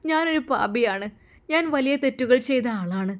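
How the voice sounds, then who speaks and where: A woman's voice: sits high, expressive, moderate pace. A woman voicing a young remorseful mother who prays tearfully and pleads for forgiveness. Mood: tearful pleading.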